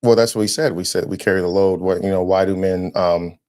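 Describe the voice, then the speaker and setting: A man hosting a podcast, chatting casually and telling lively stories, dropping "man" often. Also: low voice. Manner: animated storyteller, quick, slangy, says "man" a lot. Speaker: podcast host.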